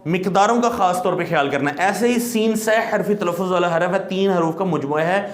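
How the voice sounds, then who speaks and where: A man's voice: high-pitched, reverberant. A man teaching Quran recitation who explains patiently and draws out letter sounds as long demonstrations. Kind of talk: classroom lesson.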